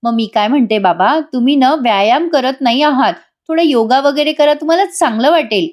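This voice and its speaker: A woman's voice: high-pitched, brisk, a little mellow, lightly acted. A woman voicing a hurt, stubborn young wife with firm, clipped refusals. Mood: evasive.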